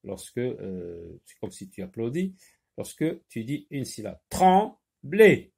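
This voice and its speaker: Man, teacher, phonics lesson for kids, very slow, repeats words, lively rising and falling tone, recorded on a handheld phone. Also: fairly low pitch, creaky, husky. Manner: slow and deliberate, repeating each word to stress its sounds. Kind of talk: phonics lesson for young children.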